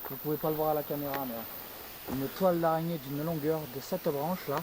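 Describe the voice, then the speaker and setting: Calm man in a noisy forest. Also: a little high, fairly quick. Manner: calm, addresses spirits directly. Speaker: fellow paranormal investigator. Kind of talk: casual on-location commentary. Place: forest outdoors near a stream. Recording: outdoor field recording with crickets.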